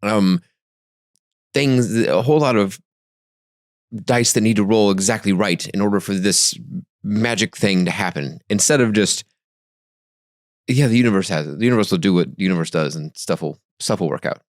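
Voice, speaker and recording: A man co-hosting a casual podcast, musing in a reflective, self-deprecating way with many restarts. His voice is on the low side and sounds close and dry, with no room echo. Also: moderate pace, pauses often. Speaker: podcast co-host. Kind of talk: casual spiritual chat.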